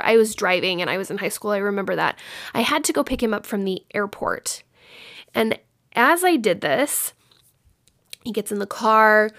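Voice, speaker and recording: Gravelly-voiced woman explaining communication. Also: mid-range voice, fairly bright tone, dry recording, studio quality. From Dallas-Fort Worth area, Texas. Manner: conversational, explaining with personal stories. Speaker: speaker on communication. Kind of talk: informal talk.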